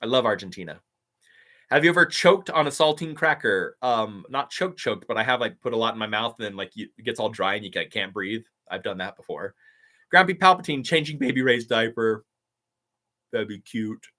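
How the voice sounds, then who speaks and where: A YouTuber and voice actor with a lowish, sharp-toned voice chats upbeat on a live stream, reading out viewers' comments. He's chatty and quick to laugh.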